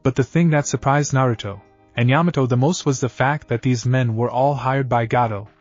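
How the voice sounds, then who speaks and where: A man narrates a fan-written story at a mid pitch with an even, steady delivery. The sound is a little dull, as if slightly lo-fi. Soft background music plays under him. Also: brisk. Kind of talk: fan fiction reading.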